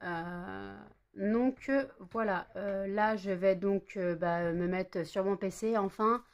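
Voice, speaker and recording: Slow and mid-range, this vlogger's voice belongs to a woman in her 30s chatting casually at home. She has a cold that leaves her tired and slightly stuffy, and she wanders through her talk with frequent fillers and corrections of herself.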